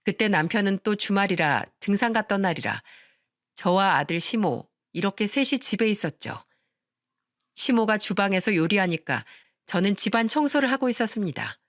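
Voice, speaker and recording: A woman narrating a story in expressive radio-story style. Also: mid-range voice, moderate pace, no echo, clean studio sound.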